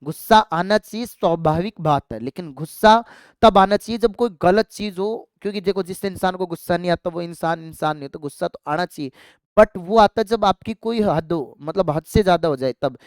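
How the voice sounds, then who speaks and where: Biology teacher for an exam-prep lecture: smooth, clear voice recorded dry and close, quizzes the class and drills key terms. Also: mid-range voice, moderate pace, no room sound. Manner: asks students rhetorical questions and answers them; calls students affectionately "child" and "dear kids".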